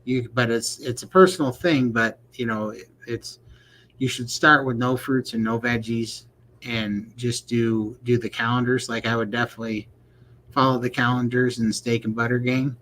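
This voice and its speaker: A man chats loosely on a livestream, rambling and quick to laugh. His voice sits at a middle pitch. A faint background hiss runs underneath. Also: little pitch movement, a bit bright. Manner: laid-back, rambling, laughs often. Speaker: livestream co-host. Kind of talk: casual livestream chat.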